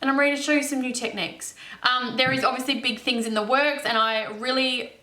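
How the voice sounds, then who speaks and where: A young woman rants to camera at home, blunt and swearing freely. Her voice sits high and sounds sharp and bright. The room around her echoes noticeably. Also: steady tone, brisk. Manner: heated, swears constantly, blunt. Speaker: makeup vlogger. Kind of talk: ranting casual vlog. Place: home, in front of a mirror.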